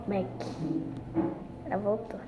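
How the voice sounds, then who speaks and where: A woman's voice: mid-range voice, little pitch movement, slow, narrow, tinny audio, loud music behind the voice. A woman hosting a gaming channel, chatting casually to viewers at home and repeating her phrases as she plays. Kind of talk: casual gameplay commentary. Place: at home, family nearby.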